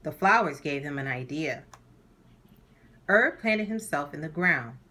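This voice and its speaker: Her voice sitting low, a woman leads a kids' story time, telling the book in a careful, animated manner for little listeners.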